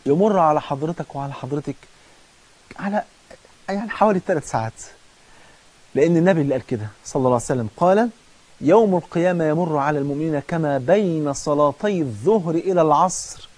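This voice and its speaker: Impassioned Egyptian preacher with a high voice. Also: male voice, fast. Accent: Egyptian Arabic. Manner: impassioned, swings from loud pleading to low hushed warnings. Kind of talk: emotional sermon with chanted Quran recitation.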